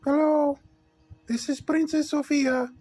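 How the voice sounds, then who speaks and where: A person playing a cheerful, playful princess who talks in a high sing-song voice and blows kisses, recorded in a hospital room. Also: level tone, takes it slowly, warm tone, soft background music. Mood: drowsy cheery.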